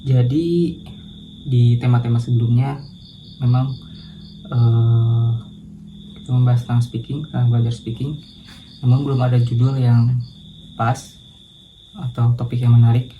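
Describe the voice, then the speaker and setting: A man's voice: mid-range voice, flat delivery, unhurried, long pauses, lo-fi sound, a little hiss or hum. A man talking to camera in a casual practice monologue, hesitant and thinking aloud with self-corrections, with crickets chirping behind. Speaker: vlogger doing a speaking challenge.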